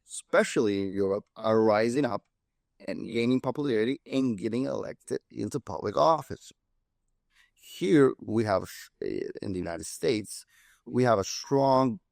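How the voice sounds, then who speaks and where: A man from Honduras speaks English, his voice gravelly and mid-pitched. He delivers political commentary with passion and insistent repetition. The sound is close and dry. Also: no room sound. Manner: impassioned, repetitive emphasis. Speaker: political guest.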